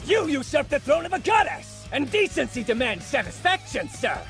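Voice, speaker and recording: A self-styled holy knight from an anime dub, devoted and zealous. He makes righteous paladin declarations in a very high, theatrically swinging voice. His speech is formal and pompous, with music underneath. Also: sing-song, normal speed, a bit bright, full character voice. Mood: haughty.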